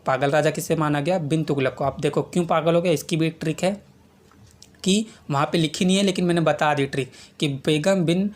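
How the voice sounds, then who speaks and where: A man's voice: on the high side, fairly even intonation, a little fast. A young adult male teacher giving an exam-prep lesson. He repeats points and keeps checking in with students, calling them "beta". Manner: repetitive, checks in with frequent okays, calls students 'beta'.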